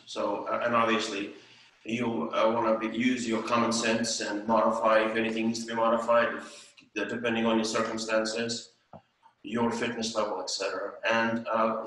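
A man's voice: lowish voice, fairly bright tone. An older man, teaching a ballet class at home and counting out the beat. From Estonia. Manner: counts rhythmically and sings out the beat. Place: home room with tiled floor. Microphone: far camera. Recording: echoey room from far off.

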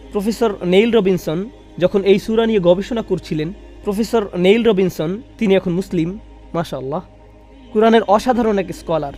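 A man's voice: high voice, a little mellow. A man voicing a religious lecture in translation, reciting verses and asking rhetorical questions. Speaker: Bengali voice-over of a Quran lecture.

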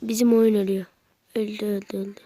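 A woman giving live commentary while playing a video game, excitable and urging her teammates on with slangy shouts. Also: mid-range voice, fast. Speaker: gaming channel host. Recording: clear background noise and game clicks.

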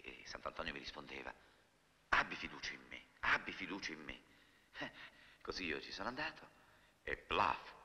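An actor playing a smooth-talking con man who poses as a lonely gentleman, playful and theatrical, in a 1950s film comedy. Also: very deep voice, heavily acted. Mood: sentimental. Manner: playful, theatrical, hams up his charm.

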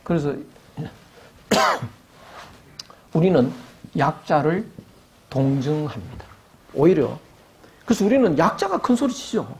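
A man's voice: fairly high pitch, sing-song, takes it slowly, long pauses, a little mellow. An older man giving an academic lecture, asking rhetorical questions and acting out quoted voices.

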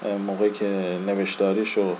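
Man from Iran, casual lesson, dark mellow voice, halting delivery, repeats each letter, faint hum behind. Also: fairly low pitch, flat delivery, poor audio. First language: Persian. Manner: slow and halting, with frequent fillers and letter-by-letter repetition. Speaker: language teacher.

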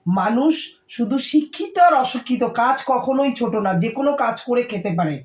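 A woman playing a strict middle-aged mother who nags and scolds her daughter, hoarse from a cold, with a Kolkata Bengali accent. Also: a little high, expressive, fairly quick, natural voice. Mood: scolding. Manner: scolding, nagging, raised voice. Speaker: mother in a short family skit. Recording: echoey room, voice from far off.

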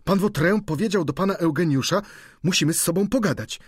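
A man voicing a stout, excitable housemaid who gossips in agitation. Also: high voice, brisk, slightly rough, dry recording, studio quality, voice pushed up. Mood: agitated.

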